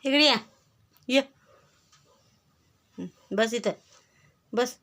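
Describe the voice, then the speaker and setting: High, bright woman coaxing a pet. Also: extremely slow. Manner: mock-stern, coaxing, repeats short commands. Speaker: vlogger. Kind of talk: casual scolding and coaxing of a pet.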